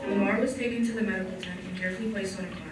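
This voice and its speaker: A woman's voice: medium pitch, fairly even intonation, very fast. A woman reading scripted narration for a stage play. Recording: echoey hall, distant, loud music behind.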